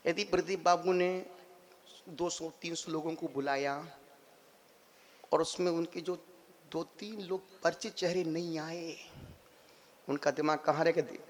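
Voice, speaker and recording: A man, a monk, gives a lively sermon, repeating phrases, swinging between loud and soft, and acting out everyday scenes for humour. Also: on the high side, unhurried, pauses often, slight background noise. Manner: humorous, acts out everyday scenes. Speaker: Jain monk giving a discourse.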